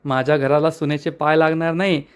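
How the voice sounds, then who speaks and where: A man's voice: a little high, level tone, a little fast, smooth, natural voice. A man voicing a jolly, boastful old head of the family who gloats and teases the people around him. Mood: gloating. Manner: gloating, teasing.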